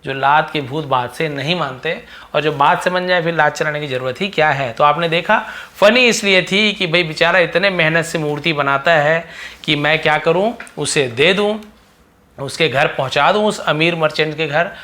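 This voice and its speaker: Bright-voiced male English teacher. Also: a little high. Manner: slow word-by-word reading of English phrases, then explanation. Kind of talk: explaining an English story in Hindi.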